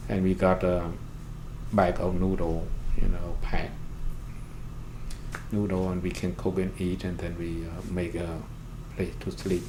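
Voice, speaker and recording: In an oral history interview, a native Khmer speaker with a Cambodian accent, a pastor and refugee services worker, recounts personal experiences in halting, simply phrased English. His voice sits low with little pitch movement, and the recording has roomy echo and clear background noise.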